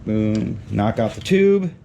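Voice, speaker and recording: A DIY mechanic demonstrates a repair test in a casual hands-on how-to, muttering short steps as he works, filmed on a handheld camera that moves around. His lowish voice is sing-song, slow and warm with vocal fry, over clanking tools and workshop noise.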